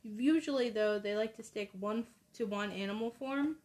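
A woman's voice: mid-range voice, moderate pace, a little mellow. A woman co-hosting a casual podcast, talking in a hesitant, hedging way with frequent ums. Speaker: podcast co-host.

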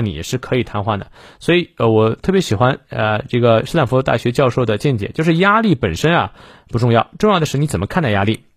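Lively male English teacher, dry close mic. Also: medium pitch, no echo. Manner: animated, explains word by word and models pronunciation. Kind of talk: daily English lesson.

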